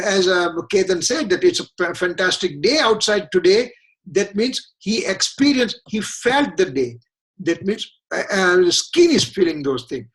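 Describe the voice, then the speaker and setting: A man teaching a religious scripture class, explaining slowly with frequent restarts and hesitations. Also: high voice, a bit bright, poor audio. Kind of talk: religious lecture.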